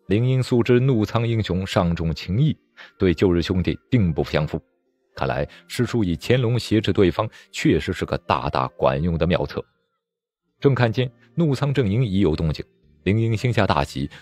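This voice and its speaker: A man narrating a martial-arts novel as an audiobook, in a dramatic, expressive storytelling manner. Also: on the low side.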